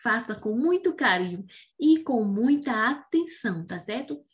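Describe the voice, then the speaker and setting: With a fairly high pitch and lively intonation, a Brazilian woman teaches young children about syllables in a remote reading lesson. As a patient primary school teacher, she speaks slowly, breaks words into syllables and checks in with "né?" and "não é?" after most points.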